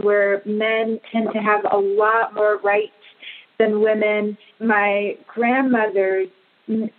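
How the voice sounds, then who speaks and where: A woman from Pakistan, a guest in an interview, telling her life story in a slow, earnest, reflective way. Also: on the high side. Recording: phone-like narrow audio.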